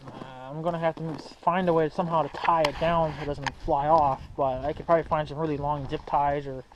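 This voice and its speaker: Talking to his viewers at a fairly quick pace, this young hobbyist vlogger has a fairly high voice and a steady tone. His chat is casual, slangy and rambling, like thinking out loud, and the amateur audio is muffled and noisy.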